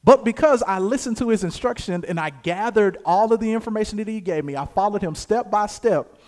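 High-voiced young pastor preaching. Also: male voice, brisk. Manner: builds from calm scripture reading to loud emphatic preaching. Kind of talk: sermon.

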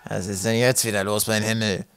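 A man's voice: lowish voice, flat delivery, brisk, a bit bright, smooth, no room sound. A man voicing a scrawny, sneering male swamp guide who snarls his words, in an audiobook reading. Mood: irritated. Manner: snarling, mocking. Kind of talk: audiobook character voice.

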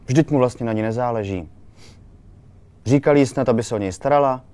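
A man reading a short story aloud in a calm, measured way. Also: medium pitch. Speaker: reader.

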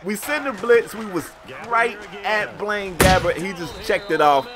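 An American man delivers casual, slangy play-by-play on a sports video game, telling it like an animated story. His voice is high-pitched and a little slow, with a noisy background.

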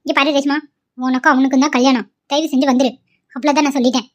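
A woman's voice: high-pitched, fairly even intonation, very fast, lightly acted. A woman voicing a pushy middle-aged mother in a cartoon, talking harshly and scolding. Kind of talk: cartoon voice acting.

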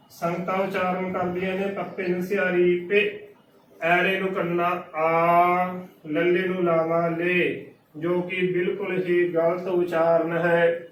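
A man with a Punjabi accent patiently teaches pronunciation, breaking each word into its letters. His voice sits high and even, with a slow, deliberate pace. He sounds set back from the mic in an echoey room with faint background noise. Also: distant mic. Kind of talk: slow methodical spelling-out lesson.

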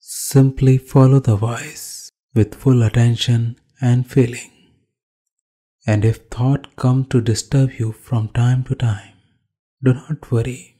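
Calm, short instructions come from a male yoga instructor with an Indian accent as he leads a guided meditation. His voice is medium in pitch and husky, with pauses separating his phrases.

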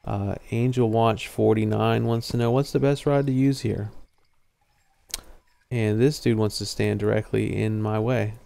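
A man's voice: lowish voice, fairly even intonation, unhurried, vocal fry, mellow. A young man casually explaining a fishing game as he plays it on a live stream. He talks into a headset mic and drifts into fillers and trailing thoughts. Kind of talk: casual live gameplay commentary.

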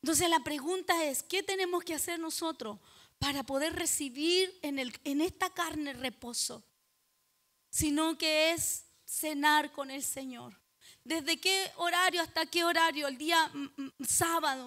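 A Chilean woman with a high voice preaches a sermon at a church service at a measured pace. Dramatic, she questions the congregation directly and builds up to loud, emphatic exhortation.

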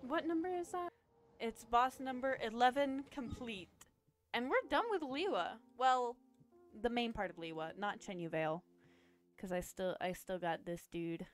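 An excitable woman with a fairly high voice chats through her gameplay as a streamer. She talks straight to the enemies and bounces between worry and cheer, with faint game music underneath. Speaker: gaming streamer. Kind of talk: casual gameplay commentary.

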